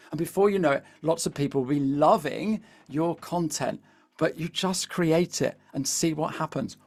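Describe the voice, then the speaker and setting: A British man leading a live webinar as a coach, chatty and animated, constantly asking the audience to reply in the chat. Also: high-pitched. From Britain. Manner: peppers speech with "all right?" and "here's the thing". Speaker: LinkedIn coach.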